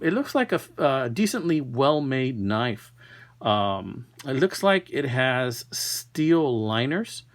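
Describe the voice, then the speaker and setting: A man presents a knife he found, chatting casually and taking his time like a collector filming at home. He has a medium-pitched, fairly bright voice, captured with no room sound.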